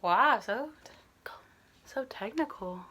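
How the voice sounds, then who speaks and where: Lively, bright-voiced teasing woman. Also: fairly high pitch, takes it slowly, a little hiss or hum. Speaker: channel host. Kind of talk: casual chat.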